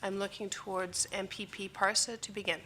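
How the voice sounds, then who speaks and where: A woman chairs a legislative committee hearing. Her voice has a bright, clear edge at a middle pitch. Her remarks carry a dry, sarcastic humor. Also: little pitch movement, brisk, a little hiss or hum.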